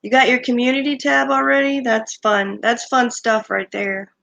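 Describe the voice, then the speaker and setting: A woman hosting a livestream, chatting casually with viewers and thanking them one by one, her voice creaky since she has just woken up and is recovering from illness. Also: fairly high pitch, level tone, normal speed, fairly bright tone. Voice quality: creaky morning voice. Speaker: livestream host. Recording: dull lo-fi stream audio.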